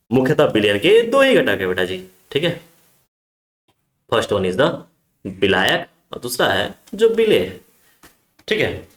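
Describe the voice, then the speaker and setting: A man's voice: mid-range voice, a bit bright, echoey room. A man teaching a chemistry class, who asks his students questions and answers them himself, calling them affectionate names. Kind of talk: online class lecture.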